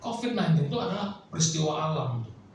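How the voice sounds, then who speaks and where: A male pastor with a fairly high, sing-song voice talks fast through a casual, chatty sermon, joking and acting out prayers for his congregation. He's recorded in an echoey church hall with the mic far off and slight background noise.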